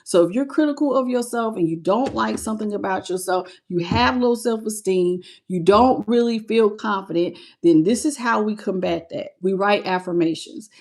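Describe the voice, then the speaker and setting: A woman's voice: medium pitch, moderate pace, hardly any pauses, a little mellow. A woman reading tarot cards on a live stream, talking casually and bluntly, teasing and greeting her viewers by name. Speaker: tarot reader.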